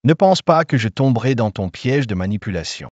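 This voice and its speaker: A man's voice: medium pitch, animated, brisk, dry recording, dull audio, lightly acted. An actor dubbing an arrogant, short-tempered rich young man in a drama series, curt and scornful. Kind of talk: French dub of a drama series.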